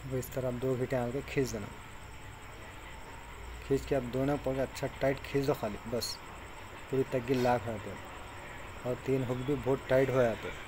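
A fishing tutorial maker, this man has a medium-pitched, level voice and a moderate pace broken by long pauses. He casually explains how to tie fishing hooks step by step while he works, plainly instructive as he ties knots. Insect noise is clearly audible behind him.

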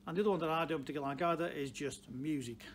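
An older man from the Potteries speaks in a Stoke accent at a slightly raised pitch. He gives off-the-cuff, plain-spoken advice as a car dealer talking to camera. Some background noise of a showroom sits behind his voice. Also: rapid-fire. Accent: Stoke-on-Trent (Potteries). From Stoke-on-Trent, England. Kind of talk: unscripted direct-to-camera advice talk. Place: large indoor car showroom.

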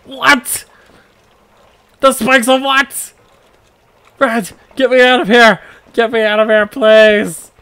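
A man voicing a greedy, reckless male thief in a game, excitable, exclaiming and pleading. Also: on the high side, slow pace, pauses often, no room sound. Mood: panicked pleading. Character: greedy, reckless male thief who panics when trapped.

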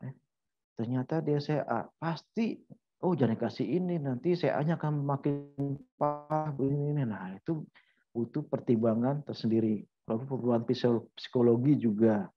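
Soft music plays in the background as a middle-aged man with a medium-pitched voice lectures on medicine at a moderate pace. His style is conversational, full of examples, anecdotes, and rhetorical questions, and the lo-fi recording is a little dull.

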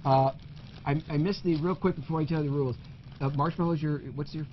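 A man hosting a casual party game, joking and energetic. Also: a little high, brisk, lo-fi sound, a crowd in the background. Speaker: host.

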